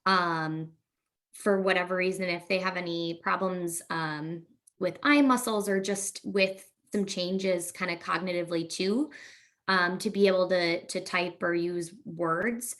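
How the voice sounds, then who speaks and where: A woman speech-language pathologist giving a webinar presentation, explaining in a relaxed way with frequent fillers. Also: fairly low pitch, a little slow.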